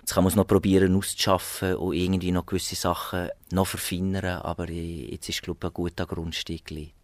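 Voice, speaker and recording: A man's voice: sits low, little pitch movement, a little fast, dry recording. A man with a Swiss German accent, an arranger and saxophonist, answering interview questions in a thoughtful, hesitant way. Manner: thoughtful, hesitant, many fillers and restarts. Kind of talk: radio interview.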